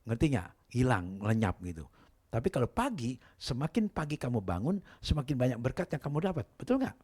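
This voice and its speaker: Male pastor, husky voice, lively sermon delivery. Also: mid-range voice, fairly quick. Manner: animated storytelling, asks the congregation questions. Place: church service.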